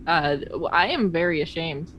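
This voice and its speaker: A woman's voice: deep voice, moderate pace, a bit bright, a little hiss or hum. A woman playing a tabletop game in character, speaking hesitantly and stammering. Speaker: player.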